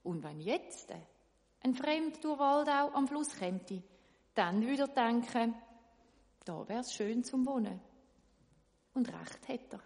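A woman narrates a children's tale in a lively, fairly high voice, turning to her young listeners as she goes. A long reverb trails her words, as in a large hall. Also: slow pace, pauses often. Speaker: storyteller.

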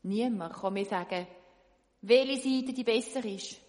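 Lively woman storyteller for children, slightly high voice, long hall reverb. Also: unhurried. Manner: lively, addresses young listeners directly.

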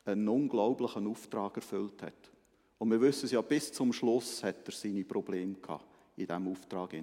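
A Methodist preacher with a lowish, dark voice delivers a conversational sermon, explaining ideas and often checking in with short tag questions. The recording is made in an echoey hall with long reverb.

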